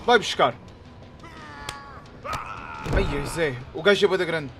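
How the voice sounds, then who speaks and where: A young man with a European Portuguese accent giving excitable, trash-talking commentary while playing a wrestling game. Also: on the high side, takes it slowly, music in the background. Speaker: gaming YouTuber. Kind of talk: live gameplay commentary.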